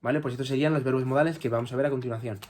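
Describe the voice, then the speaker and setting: A man's voice: medium pitch, fairly even intonation, very fast, darkish tone. Teacher, man. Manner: patient, repeats and checks with "¿vale?". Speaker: English teacher. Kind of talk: explaining grammar in Spanish.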